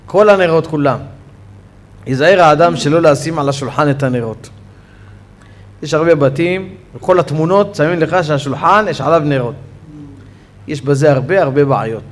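A man teaching a Torah lesson on Sabbath law in a study hall, with an Israeli accent, telling stories with a voice that rises sharply when he gets excited. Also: on the high side, pauses often. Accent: Israeli Hebrew. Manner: animated storytelling, voice rising sharply when excited. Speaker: rabbi teaching a Torah class.

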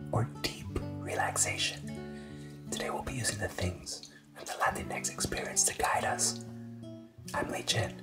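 A young man whispering, deadpan, as the host of a comedic ASMR parody. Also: on the low side, a little slow. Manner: soft breathy whisper, deadpan. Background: plucked guitar music.

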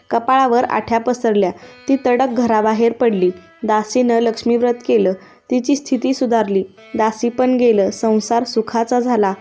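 A woman narrating a devotional tale in a steady, scripted storytelling voice. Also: a little high.

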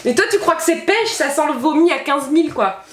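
A woman hosting a casual food-tasting vlog with her child, playful and animated, laughing often. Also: high-pitched, a little fast. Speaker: vlog host, mother. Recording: echoey room with background noise.

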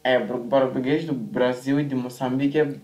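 A man's voice: mid-range voice, little pitch movement, fairly quick, darkish tone, distant mic. Mozambican man chatting in a roomy space. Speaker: reaction video host. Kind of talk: casual reaction chat. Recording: roomy, off-mic sound.

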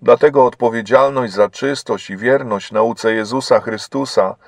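A man voicing a weary old woman of faith who speaks in a sorrowful, measured way. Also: medium pitch, gravelly, no echo, studio quality.

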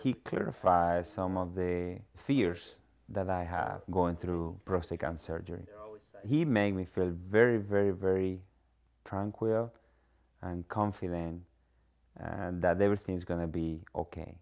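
Speaking slowly in a low, gravelly, slightly mellow voice, a middle-aged man from the Dominican Republic shares his cancer story. He is a native Spanish speaker with a Dominican accent, giving a personal testimonial for a promotional documentary.

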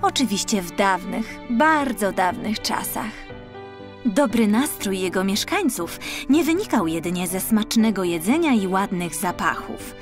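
With faint music behind her, an audiobook storyteller narrates a scripted fairy tale for children at a measured pace. She has a medium-pitched voice and an expressive, carefully phrased delivery.

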